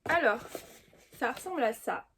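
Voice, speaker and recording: A woman with a high, light voice talks casually through a book-box unboxing for her channel. She chats freely and fills her pauses with hesitant little fillers. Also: lively intonation, a bit bright, slight background noise. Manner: chatty, full of hesitant fillers. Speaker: booktube host.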